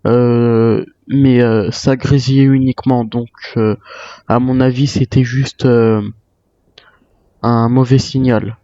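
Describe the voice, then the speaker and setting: Slowly and with a dark tone, a man talks to himself in character as a weary retired soldier, improvising a hesitant survival-game monologue. His mid-range voice barely shifts in pitch, and the microphone sounds dull and roomy.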